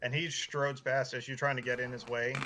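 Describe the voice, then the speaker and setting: A man's voice: medium pitch, little pitch movement, background noise. A man narrating a tabletop role-playing game as dungeon master, loose and full of fillers. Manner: loose, filler-heavy narration with quick character voices.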